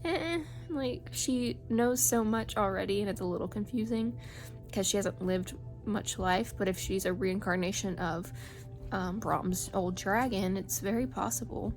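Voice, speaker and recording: A woman's voice: mid-range voice, measured pace, faint music behind. A woman giving a casual, chatty solo book review as a reading vlogger.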